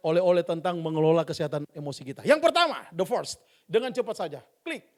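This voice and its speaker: A male pastor preaching a sermon in a playful, animated way and speaking straight to the congregation in a church. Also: a little high, fast.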